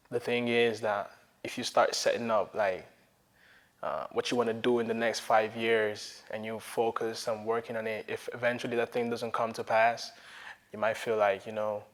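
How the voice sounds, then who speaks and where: A young man from Nigeria who grew up in Italy, talking casually as an interview guest, relaxed and rambling with lots of fillers. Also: mid-range voice. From Nigeria, raised in Italy. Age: young adult. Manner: relaxed, rambling, many fillers and "you know". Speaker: interview guest, sneaker developer.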